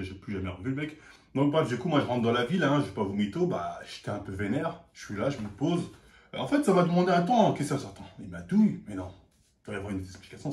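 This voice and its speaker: A young man spins a story in casual slang, acting out every line. His delivery is quick and his pitch swings widely. The room around him is roomy and echoey. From France, Paris suburbs. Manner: animated, slangy, acts out quoted lines. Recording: roomy echo.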